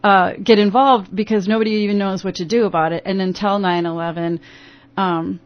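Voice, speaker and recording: A woman's voice: medium pitch, steady tone, brisk. Rambling woman guest on AM radio. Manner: rambling, full of restarts and fillers. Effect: AM radio broadcast sound. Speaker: interview guest, youth program founder. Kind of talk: radio interview. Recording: dull lo-fi AM radio broadcast.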